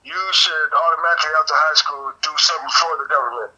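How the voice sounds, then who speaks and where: A man's voice: on the high side, steady tone, fast, pushed and bright, husky, dull audio. A young adult man, co-hosting a podcast in casual chat and telling joking stories full of acted-out quotes. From United States. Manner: joking storyteller, acts out quoted voices. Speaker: podcast co-host.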